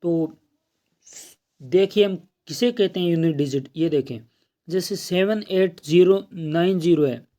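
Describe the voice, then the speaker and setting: A man's voice: high-pitched, measured pace, warm tone. A man teaching an exam-prep math lesson, explaining step by step and checking in often.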